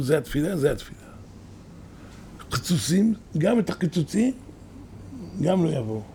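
A man's voice: mid-range voice, vocal fry, mellow, slight background noise. A man, a rabbi, giving a sermon, telling stories with rising emphatic bursts.

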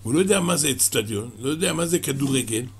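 A man telling a moral parable to a listener in lively storytelling, with sighs and asides. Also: medium pitch, breathy edge.

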